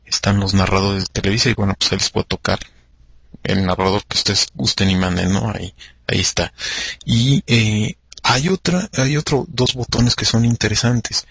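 A man's voice: fairly low pitch, moderate pace, vocal fry, fairly bright tone, breathy edge, no echo. A man with a Mexican accent hosting a radio show, chatting casually and rambling with many fillers and restarts. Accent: Mexican Spanish.

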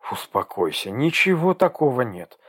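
A man reading an audiobook, voicing a calm middle-aged woman doctor who speaks in a soothing, reassuring way. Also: medium pitch, normal speed, slightly rough, no room sound, clean studio sound.

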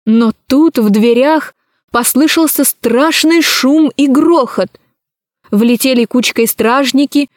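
A woman narrating a children's adventure story in an expressive, dramatic reading. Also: on the high side, no echo, studio quality.

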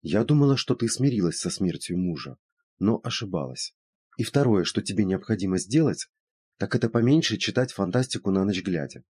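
Putting on a woman friend's voice, a man reads her as brisk and skeptical, teasing and lecturing with high, lively pitch and a husky edge. The sound sits close and dry, without echo.

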